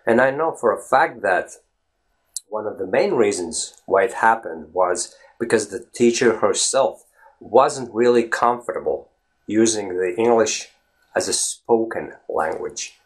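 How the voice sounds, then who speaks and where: A Latvian vlog host, whose first language is Latvian, talks casually on his own in a lower voice that is animated and unhurried. He is emphatic, addresses viewers directly, and often asks "right?"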